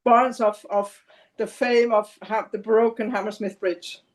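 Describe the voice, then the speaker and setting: A woman's voice: mid-range voice, steady tone, unhurried. An older woman from Switzerland, a podcast guest telling her life story in casual chat with hesitant fillers.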